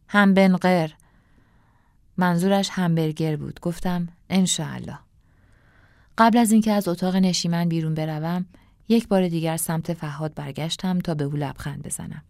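Brief: woman storyteller, low calm voice, dry close recording. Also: dry recording. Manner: calm measured reading, dropping to a hush in tense moments. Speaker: audiobook narrator. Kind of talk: storybook narration.

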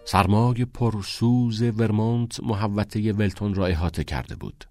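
A man narrating an audiobook chapter in a measured, even storytelling voice. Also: on the low side, no echo, clean studio sound.

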